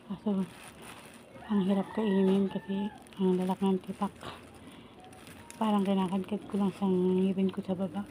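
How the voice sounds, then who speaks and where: A Filipino woman chats informally with viewers in a food vlog while preparing and eating, and her speech suggests missing upper front teeth. Her medium-pitched voice is dark in tone and level, at a moderate pace with long pauses. Chickens and roosters crow through the noisy home recording.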